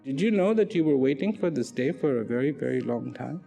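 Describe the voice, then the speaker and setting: A man giving a dramatic motivational narration, slow and emphatic, asking rhetorical questions and sometimes dropping to a near whisper. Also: medium pitch, animated, vocal fry, dark tone, soft background music.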